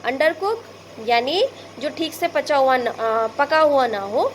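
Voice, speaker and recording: A woman's voice: high voice, animated, slow pace, slight background noise. A woman teacher with an Indian Hindi accent, patiently explaining word prefixes to young pupils, repeating each example. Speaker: school English teacher.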